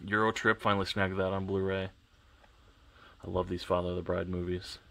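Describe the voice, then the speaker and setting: This collector vlogger gives a loose, rambling walkthrough of the shelves in his home, sniffling from congestion and correcting himself offhandedly. His voice sits low and is creaky but fairly bright, level in tone and a little fast. He's recorded on a camera set on a tripod.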